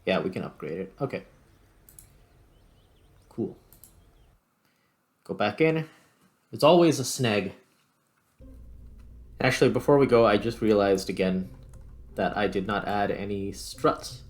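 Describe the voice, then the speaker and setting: A man with a fairly low voice speaks at a measured pace and pauses often. Hosting a gaming video as the player, he thinks aloud in an informal let's-play style, muttering to himself as he works, with background music present.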